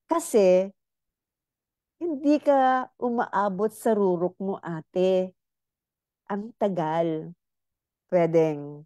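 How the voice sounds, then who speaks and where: Slow, warm-voiced woman doctor, teasing. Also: on the low side, no echo. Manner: playful, teasing, addresses listeners directly. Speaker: doctor giving a health talk. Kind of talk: casual health lecture.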